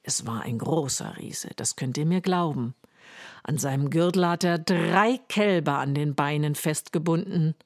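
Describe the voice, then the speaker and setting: Slow, soft-spoken woman storyteller. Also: sits low, no echo, clean studio sound. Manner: slow, soft, often half-whispered. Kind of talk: fairy-tale narration to children.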